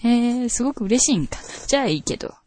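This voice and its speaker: A woman's voice: on the high side, expressive, fast talker, warm tone, dry recording, voice pushed up, lightly acted. A woman voicing a domineering, sadistic woman who taunts and gives orders, with a Kansai accent. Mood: taunting. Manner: commanding, taunting, scornful. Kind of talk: scripted role-play line reading.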